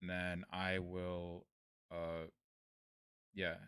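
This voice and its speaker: A man's voice: low voice, monotone, extremely slow, a bit bright, clean tone, dry recording, clean studio sound. A man hosting a casual late-night news livestream, talking in a self-deprecating way and trailing off. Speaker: livestream host covering news.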